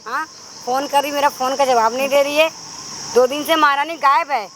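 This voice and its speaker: A woman's voice: sits high, fairly even intonation, normal speed, a bit bright. Woman playing a scornful bullying mother-in-law. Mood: taunting. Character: cruel older mother-in-law, scheming and mocking. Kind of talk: staged confrontation drama. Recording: outdoor noise, crickets and insects.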